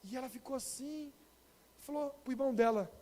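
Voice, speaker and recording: A Brazilian pastor with a Brazilian Portuguese accent, telling a story in an animated sermon and addressing the congregation directly. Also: male voice, very high voice, a little fast. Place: church. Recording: long reverb of a church hall.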